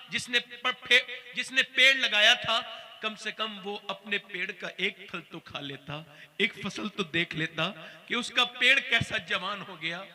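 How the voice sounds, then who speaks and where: A man's voice: extremely high pitch, sharp tone, long reverb tail. A male preacher giving a sermon, telling stories with feeling and acting out the voices of the people in them. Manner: emotional storytelling, acting out quoted voices.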